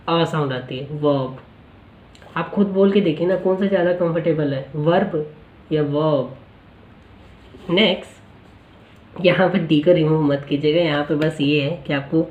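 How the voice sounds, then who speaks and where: A male teacher explaining a spoken-English lesson in Hindi, asking the class rhetorical questions and repeating each word slowly for pronunciation practice. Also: on the high side, a little mellow, echoey room, lo-fi sound, slight background noise.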